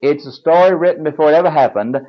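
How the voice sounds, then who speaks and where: A man's voice: a little high, quick pace. An older man preaching a Bible lecture, explaining in a folksy way and spelling words aloud. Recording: dull lo-fi recording.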